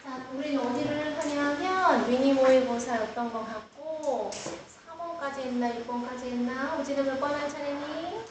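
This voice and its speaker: This English teacher speaks with a high pitch at a moderate pace, barely pausing as she walks the class through the material step by step and quizzes them. Captured by screen recording far from the microphone, the classroom sounds roomy and the background is noisy.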